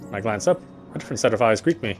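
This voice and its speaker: A man streaming a game, reading its text aloud as measured, dramatic narration with occasional stumbles. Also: lowish voice, expressive. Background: game music.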